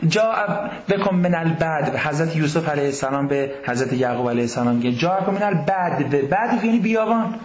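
A man giving a university lecture on religion in a classroom, lively, often posing questions to the class. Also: fairly high pitch, roomy sound, muffled recording, slight background noise.

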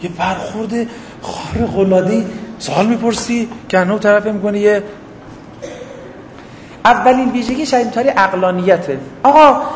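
A man's voice: high-pitched, a little hiss or hum. A man giving a religious lecture, firing off rhetorical questions and acting out short everyday dialogues. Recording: echoey hall, faint ambience.

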